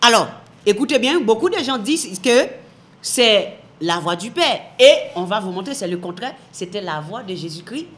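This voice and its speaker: A woman giving a televised Bible teaching, emphatic, repeating her phrases and asking the viewers rhetorical questions. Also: on the high side.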